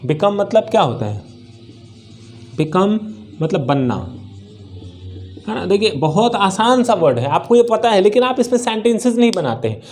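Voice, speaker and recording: An Indian-accented male teacher explaining English in Hindi, his voice pitched a little high for a man yet soft and mellow in tone. He keeps asking his class questions and answering them himself, repeating each key word. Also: big pitch swings, normal speed, long pauses, faint music behind. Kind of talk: spoken English lesson in Hindi.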